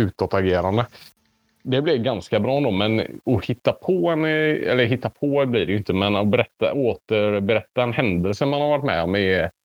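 A man's voice: lowish voice, no echo, highs cut off. A man with a mixed Swedish dialect, largely Gothenburg, chatting casually as a podcast co-host. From Gothenburg, Sweden. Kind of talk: casual chat.

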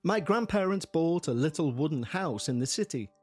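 A man's voice: on the high side, animated, moderate pace, darkish tone. A man hosting and narrating a scripted paranormal podcast in an ominous, late-night radio storyteller manner. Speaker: podcast host. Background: music.

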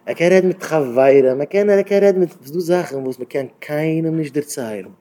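Mellow-voiced man giving a rambling talk. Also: fairly high pitch, quick pace, slight background noise. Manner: conversational, repetitive, with rhetorical questions. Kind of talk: informal Yiddish talk to young married men.

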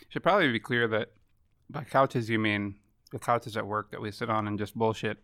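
A man's voice: on the low side, moderate pace, fairly bright tone, no echo, clean studio sound. Casual joking man hosting a podcast. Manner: joking, casually profane, talks through mouthfuls of food. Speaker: podcast host. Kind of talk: casual chat. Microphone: podcast microphone.

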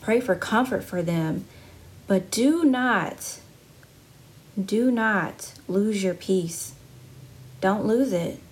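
Woman host, mid-pitched, earnest and chatty devotional podcast delivery. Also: darkish tone. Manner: earnest, conversational, with many fillers and restarts. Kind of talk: casual devotional podcast talk.

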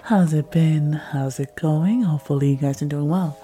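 A young woman hosts a podcast, chatting casually with her listeners and rambling with plenty of fillers. Her voice is low, raspy and a bit hoarse from a cold, with a mellow quality, and she talks at a normal speed.

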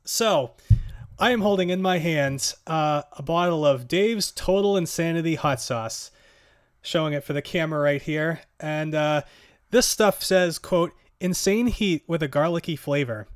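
Excitable male podcast host, fairly high voice. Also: a little slow. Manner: excitable, laughing, rambling with fillers. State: gasping from hot sauce heat. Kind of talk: casual chat.

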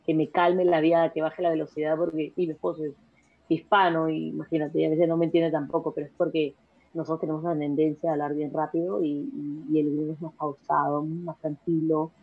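A young Peruvian woman, a guest in a casual interview, talks fast and energetically, often restarting and repeating words as her ideas tumble out. Her voice sits low and husky, sounding thin and tinny, as though over a phone line.

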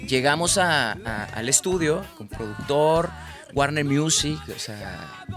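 A man's voice: on the high side, expressive, slow pace, music in the background. Slangy Mexican man telling stories. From Tabasco, Mexico. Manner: rambling slangy anecdotes, acts out quoted friends. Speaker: singer-songwriter guest. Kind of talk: casual storytelling interview.

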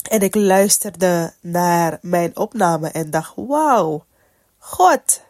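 A woman with a slightly low voice, thickened by a head cold and a stuffy nose. She hosts a podcast on her own, speaking conversationally and reflectively, as if telling a personal story. The sound is dry and close, with very little room around it. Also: fairly even intonation, takes it slowly, a little mellow, no room sound. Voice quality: stuffy nose, congested nasal voice. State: has a cold. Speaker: podcast host. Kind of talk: casual solo podcast talk with personal faith reflection.

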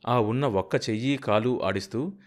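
A man narrating a novel as an audiobook reader in a steady, measured way. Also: mid-range voice.

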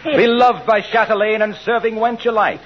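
A man's voice: high-pitched, fairly even intonation, moderate pace, natural voice. An actor playing a hammy, pompous ad man who declaims mock Shakespeare in theatrical 1940s radio comedy style. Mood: declaiming. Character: hammy middle-aged male ad man spouting mock Shakespeare. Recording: dull old radio broadcast with hiss.

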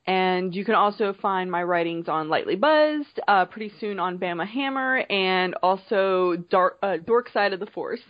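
A woman's voice: mid-range voice, normal speed, hardly any pauses, no room sound, muffled recording. A woman co-hosting a podcast, chatting casually and emphatically, repeating phrases for stress. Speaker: podcast co-host. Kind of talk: casual opinionated chat.

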